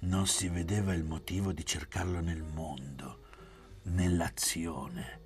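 A man reading a literary audiobook in a measured, hushed narration. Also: low-pitched, fairly even intonation, faint music behind. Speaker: audiobook reader.

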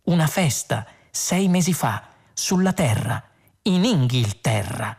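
A woman voices an indignant, stubborn ordinary Englishman in a read-aloud story. He presses his point insistently, with an aggrieved edge, in a lively but low, slightly husky voice. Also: takes it slowly, full character voice.

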